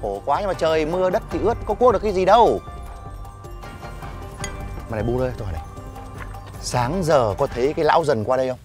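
A man's voice: on the high side, animated, quick pace, pauses often, a little mellow, soft background music, lightly acted. An actor playing a nervous, indebted village husband who bickers with his wife, in a comedy film. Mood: fretful. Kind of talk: Vietnamese comedy film acting.

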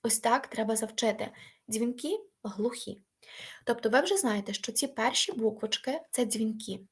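Young woman teacher, slightly husky higher voice, patient, keeps repeating stuff for the class to say back. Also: normal speed. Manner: patient, repeats points and has students echo her. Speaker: Ukrainian language teacher. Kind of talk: explaining lesson to students.

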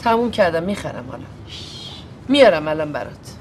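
An actress playing a gentle, conciliatory middle-aged wife who coaxes and soothes her husband in a sitcom. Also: sits low, very animated, slight background noise. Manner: soothing, coaxing. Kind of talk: sitcom acting.

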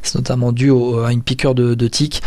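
A man's voice: medium pitch, little pitch movement, brisk, a little mellow. A man hosting a podcast in casual chat, talking hesitantly with many fillers and restarts. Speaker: podcast host.

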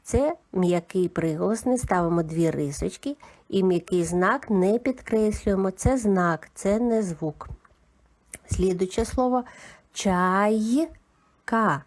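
A woman giving a calm, methodical lesson for young children, naming each sound of a word one by one. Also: medium pitch, measured pace. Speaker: teacher. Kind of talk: slow, patient children's literacy lesson.

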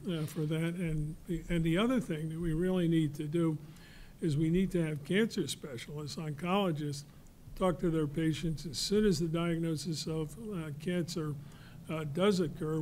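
An older man on a studio panel, explaining in a measured, halting way with many fillers. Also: on the high side, darkish tone, a little hiss or hum. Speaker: cancer researcher on a panel. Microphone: desk mic.

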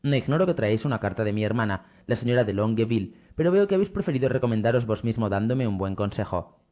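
A man voicing a commanding, shrewd middle-aged prince with a brisk, authoritative manner. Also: on the low side, expressive, dark tone, highs cut off, close to an everyday voice.

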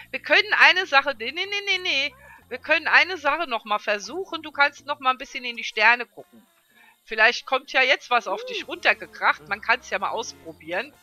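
A woman's voice: sits high, pushed and bright. A woman giving casual gameplay commentary as a let's player, chatting to her viewers and laughing often.

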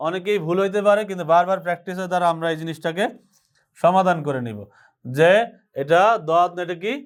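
A man teaching an alphabet lesson, patiently repeating each letter sound slowly. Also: high-pitched, clear, resonant tone. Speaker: Urdu language teacher.

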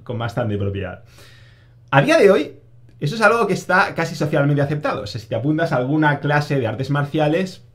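A man with a medium-pitched voice talks casually to the camera in a self-help monologue. He drives his points home by repeating phrases and answering his own questions.

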